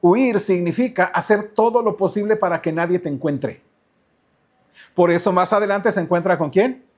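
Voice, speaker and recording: Mexican pastor, male, high voice, questioning sermon delivery with shifting pace. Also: moderate pace. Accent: Mexican Spanish. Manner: asks the congregation questions, repeats words, changes pace often. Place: church.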